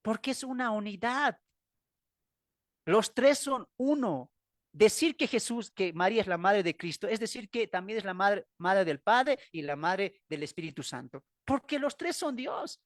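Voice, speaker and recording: A man's voice: high-pitched, expressive, unhurried, dry recording, studio quality. A man with a Bolivian accent teaching a Bible class, emphatic and full of rhetorical questions. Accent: Bolivian Spanish.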